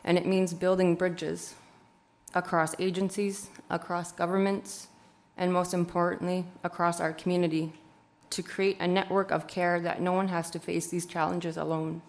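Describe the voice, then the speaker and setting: A female councillor reads a prepared statement in a formal setting. Her voice sits on the low side, and she phrases things in a measured, rhetorical way. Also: little pitch movement. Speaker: city councillor.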